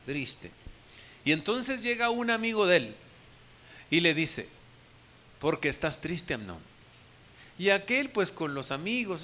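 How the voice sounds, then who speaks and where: A pastor preaches to his congregation in a high, bright tenor. He asks his listeners direct questions and voices the words of the people in his story. His tone is lively and forceful throughout the sermon. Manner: addresses the congregation directly with questions, acts out quoted speech.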